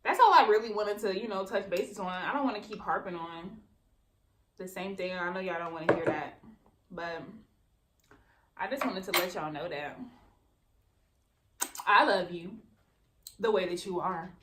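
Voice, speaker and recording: A woman's voice: fairly low pitch, moderate pace, long pauses, a bit bright, echoey room, a little hiss or hum. A young woman, chatting casually and rambling while she eats for her mukbang vlog. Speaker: vlogger.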